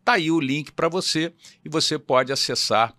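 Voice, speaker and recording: A man's voice: on the high side, normal speed, sharp tone, no echo. A man with a Brazilian Portuguese accent hosting an interview, prompting his guest with short questions. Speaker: interview host. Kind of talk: casual interview chat.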